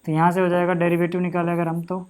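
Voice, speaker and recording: A man teaching a maths lesson, talking casually to students and repeating each step slowly as he writes. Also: sits high, completely flat delivery, darkish tone, smooth. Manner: casual, addresses students as bhai and yaar, repeats steps slowly while writing.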